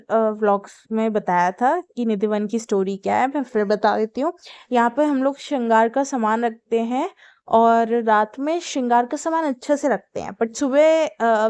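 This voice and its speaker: Young woman, casual vlogger. Chatty, filler-heavy, tired. Smooth voice, dry recording. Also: a little high, a little mellow, dry recording. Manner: chatty, with many fillers and English words mixed in. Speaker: travel vlogger. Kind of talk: casual vlog narration.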